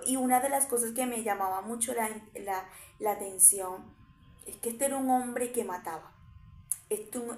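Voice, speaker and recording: A woman's voice: a little high, a little mellow. A woman preaching a sermon with fervent, rising emphasis. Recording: echoey room.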